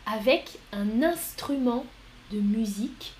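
A woman's voice: a little high, lively intonation, slow, darkish tone, a little hiss or hum. A woman teaching a live online French lesson, spelling words letter by letter and praising students by name. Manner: encouraging, calls out students by name.

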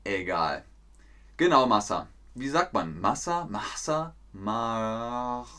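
Slow playful man teaching German. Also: medium pitch, big pitch swings, pushed and bright. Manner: slow, playful, talks to chat viewers by name. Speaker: German teacher hosting a livestream. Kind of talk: live-streamed language lesson.

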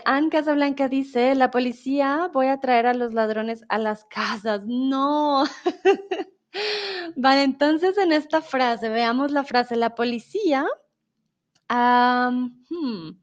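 A woman's voice: sits high, lo-fi sound. A young woman teaching a live online Spanish lesson, reading out viewers' comments with patient encouragement and frequent laughter.

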